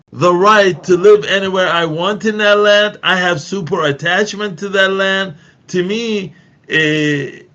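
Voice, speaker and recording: In an earnest discussion, a middle-aged Palestinian activist guest speaks emphatically, restarting often and repeating phrases. His voice is high and sharp, and the recording is muffled.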